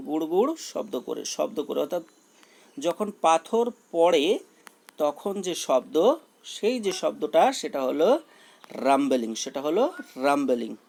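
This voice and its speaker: A man's voice: a little high, gravelly, darkish tone. A man teaching a school English poem, repeating key words and mixing English terms into his explanation.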